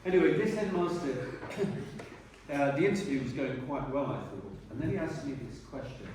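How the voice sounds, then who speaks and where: Guy in his 60s giving a rambly retirement speech at a dinner, throat clearing, noisy far-off echoey room. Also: medium pitch, expressive, normal speed, a little mellow. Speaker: retiring teacher.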